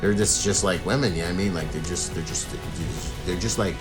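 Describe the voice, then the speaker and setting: A man's voice: low voice, fairly quick, over music. A man giving casual, slangy video commentary and analysis as a protection professional, repeating points for emphasis. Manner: slangy, informal, emphatic repetition.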